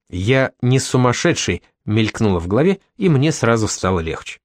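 Male narrator, first-person novel read, wry delivery, expressive pitch, dry booth sound. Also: no echo. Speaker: audiobook narrator.

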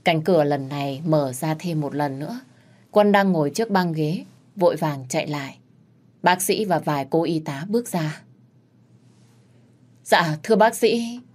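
A woman telling a dramatic story in a steady, scripted narration. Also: low voice, normal speed.

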